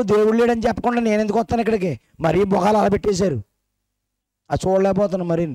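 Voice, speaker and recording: A man's voice: fairly high pitch, warm tone, no room sound. A man preaching a sermon at a gospel meeting, putting questions straight to the congregation and teasing them. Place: church meeting hall.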